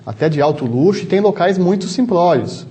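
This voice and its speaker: A man with a São Paulo interior Brazilian accent answers interview questions as a doctor, careful and explanatory, often restarting his sentences. His voice sits a little high and sounds warm and mellow. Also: animated. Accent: São Paulo interior Brazilian Portuguese. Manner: measured, explanatory, many restarts and "né". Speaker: travel medicine doctor, guest.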